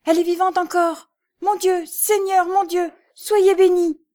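A woman's voice: fairly high pitch, fairly even intonation, normal speed, mellow, voice pushed up, lightly acted. A woman voicing a grief-stricken middle-aged bread carrier, raised and choked with sobs, in an audiobook. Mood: joyful relief. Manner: choked, sobbing, pleading.

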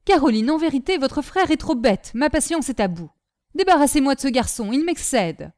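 A stern lady of the house, impatient and sharp-tongued, firing off questions in a raised voice, as a woman reader acts her out. The tone stays mellow and is recorded dry and close in a storybook reading. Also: sits high, expressive, moderate pace, no echo. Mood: irritated.

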